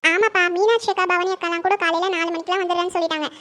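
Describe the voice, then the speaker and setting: An eager young wife, played by a woman, reassures her elders that the wedding preparations are all in hand. Her voice is very high and she talks quickly, as in a homemade family drama. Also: steady tone, sharp tone. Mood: reassuring.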